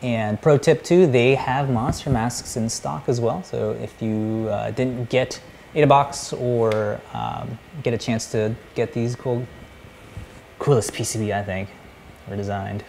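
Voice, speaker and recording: A man co-hosting a casual electronics show, low-key and often trailing off mid-sentence. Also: unhurried, gravelly, darkish tone, a little hiss or hum. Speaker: co-host. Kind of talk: casual live show chat.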